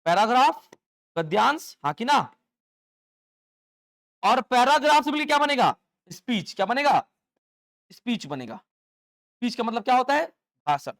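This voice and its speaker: A man's voice: very high voice, a little slow, pauses often. A man teaching English to exam aspirants in a live classroom lecture, constantly quizzing students with call-and-response questions. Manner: call-and-response questioning, lively rhetorical checks.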